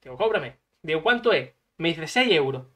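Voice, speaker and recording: A man's voice: on the high side, big pitch swings, normal speed, bright, forceful tone. A man, a gaming streamer chatting casually and swearing as he acts out dialogue while he plays. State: coughing. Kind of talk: casual storytelling while playing.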